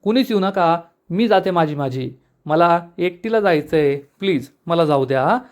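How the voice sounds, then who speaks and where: A man's voice: a little high, expressive, normal speed, close to an everyday voice. A man voicing an anxious young woman who keeps refusing company, reading her lines in a recap. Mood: pleading. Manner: pleading, repeated refusals.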